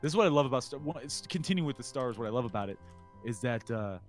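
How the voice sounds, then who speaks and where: Recapping a film with his podcast co-host, a man with an expressive, medium-pitched voice rambles casually while soft music plays. He throws in quick impressions, acting out what the characters say.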